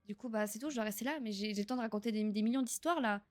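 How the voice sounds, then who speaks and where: A young woman streaming a horror game live, excitable, swearing and laughing as she chats with her viewers. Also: a little high, racing, no echo. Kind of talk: live gameplay commentary.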